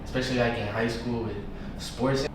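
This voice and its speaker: A young adult man from New York, United States, talks with a medium-pitched, steady voice at a moderate pace. He's a musician guest on a podcast, chatting casually in slang with a New York accent. The recording sounds echoey and distant, with background noise.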